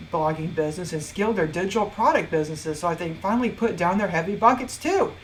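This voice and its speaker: A woman's voice: mid-range voice, poor audio. A woman in her forties giving a personal storytelling talk as a motivational speaker, with wry, self-mocking humor and dramatic swings.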